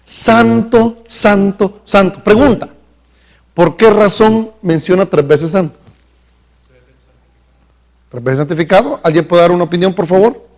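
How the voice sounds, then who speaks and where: A man preaching a live sermon in a church. He speaks emphatically, slows down to stress key words, and calls questions out to the congregation. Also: high-pitched, creaky, a little mellow. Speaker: pastor. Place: church sanctuary.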